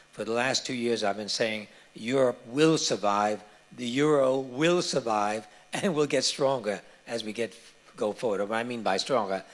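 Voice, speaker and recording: A man answering audience questions at a conference, explaining points in a measured way with frequent hesitations. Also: medium pitch, a bit bright.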